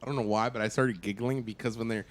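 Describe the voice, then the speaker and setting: A man co-hosting a casual discussion after a horror screening, excitable, swearing and acting out lines from the film. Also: medium pitch, fast talker. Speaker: co-host. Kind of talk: casual post-movie discussion.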